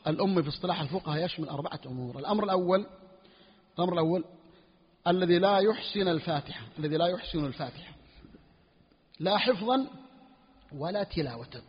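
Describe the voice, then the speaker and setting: Husky, high-voiced sheikh in an echoing hall. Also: male voice. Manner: repeats key phrases slowly for emphasis, asks and answers himself. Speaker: sheikh teaching Hanbali jurisprudence. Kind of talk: classical Arabic fiqh lesson. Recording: lo-fi lecture recording in a reverberant hall.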